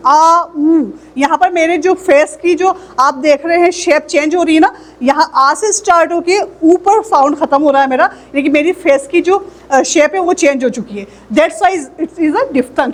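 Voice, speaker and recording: High-voiced woman teaching phonetics. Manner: explanatory, slow model words for repeating. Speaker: English teacher. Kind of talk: phonetics lesson.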